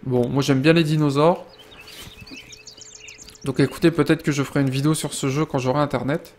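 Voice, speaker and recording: Young male gamer, a bit higher-pitched, casual rambling let's-play commentary, loud outbursts in fights. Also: fairly even intonation, fairly quick, a little hiss or hum. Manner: chatty, rambling, addresses viewers directly; bursts into loud exclamations during fights. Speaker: gaming video creator.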